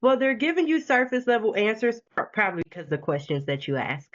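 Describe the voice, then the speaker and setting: A woman sales coach on a video call, talking with lively, encouraging conviction and frequent laughs. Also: a little high, quick pace, dull audio. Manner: animated, laughing, preachy encouragement. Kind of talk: casual video call chat.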